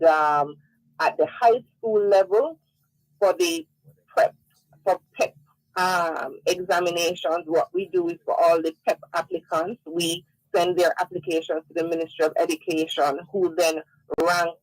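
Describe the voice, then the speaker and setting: A woman's voice: lowish voice, a little slow, no echo, low-quality recording. A woman, a company sales and marketing head, explaining a program in a businesslike way as a radio guest. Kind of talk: radio interview.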